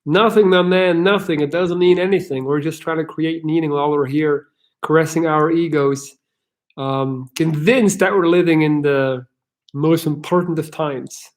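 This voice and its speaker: A man's voice: fairly high pitch, steady tone, moderate pace. Frank Belgian man with an American accent. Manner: rambling, frank, restarts often. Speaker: livestream host answering chat questions. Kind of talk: casual live chat.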